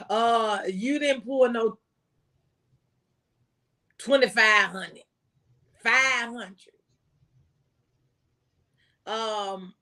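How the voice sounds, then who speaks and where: A fairly high, pushed and bright voice belongs to an American woman who once worked as a tax agent. Her tax advice is impassioned and conversational, folksy and emphatic, with phrases repeated for stress.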